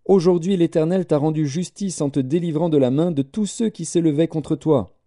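A man's voice: on the high side, normal speed, warm tone, voice pushed up, natural voice. A man reading aloud voices a servant who delivers news to his king in formal, ceremonious words. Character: solemn male foreign servant bearing news.

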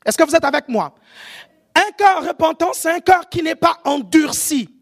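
A preacher with an African French accent gives a sermon, often shouting and checking whether the audience is following. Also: very high-pitched, normal speed. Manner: animated, often shouting, keeps asking the audience if they follow.

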